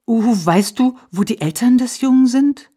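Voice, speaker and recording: A woman voicing a small, timid young male rabbit in a storybook, calling out high and excited. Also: normal speed, husky. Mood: anxious.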